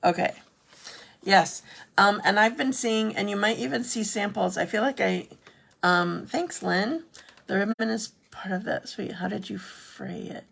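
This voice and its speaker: A woman's voice: medium pitch, a little slow, creaky, a bit bright, slightly rough. A woman hosting a casual live craft demo, chatty, correcting herself and answering viewer comments as she works.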